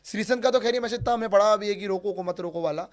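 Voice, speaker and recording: A man co-hosting a casual cricket talk show, excitable, repeating his points and laughing as he talks. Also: high voice, very fast.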